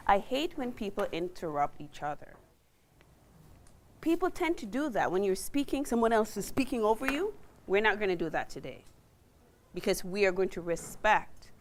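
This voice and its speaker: A woman's voice: mid-range voice, a bit bright. A woman leading a group workshop, coaxing people to speak with playful teasing. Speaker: workshop facilitator. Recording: noisy room recording.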